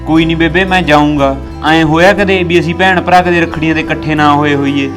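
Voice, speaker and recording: A man's voice: a little high, steady tone, fairly quick, over music. A man with a Punjabi accent acting in a village family drama, reassuring his mother in an earnest way. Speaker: son talking to his mother.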